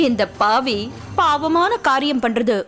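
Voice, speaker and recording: An actress playing a scheming brothel madam who talks in a mocking, falsely sweet way. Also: female voice, high voice, expressive, drawn-out words, a bit bright, full character voice. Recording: film soundtrack with music behind.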